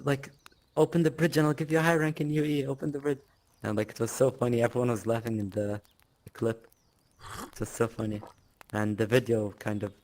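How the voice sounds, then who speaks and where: A man talks casually as an interview guest, boasting and often laughing. His voice sits fairly low. It stays quite flat in tone. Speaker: interviewee, clan leader.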